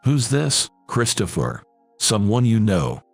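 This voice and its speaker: A man's voice: on the low side, sing-song, takes it slowly, vocal fry, breathy edge, no room sound, faint music behind, heavily acted. A man voicing a brash, rude young woman. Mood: dismissive. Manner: dismissive.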